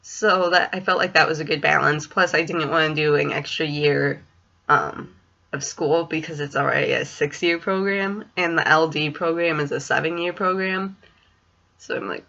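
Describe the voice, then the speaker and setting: A woman's voice: sits low, steady tone, normal speed, vocal fry, pushed and bright, highs cut off. A woman in her twenties who says w for r, chatting hesitantly in a casual, rambling vlog at home. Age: 20s. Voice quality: speech impediment, says w for r. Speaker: student teacher in special education. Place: small home room, indoors. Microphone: webcam or computer mic at desk distance.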